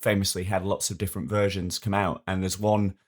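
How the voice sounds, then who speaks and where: A man's voice: low-pitched, level tone, brisk. A man co-hosting a podcast in casual, jokey, rambling chat. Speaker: podcast co-host.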